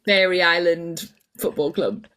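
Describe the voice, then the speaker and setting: A woman's voice: lowish voice, unhurried, pushed and bright, clear, resonant tone. A woman co-hosting a casual podcast chat, giggly and teasing, guessing aloud. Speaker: podcast co-host.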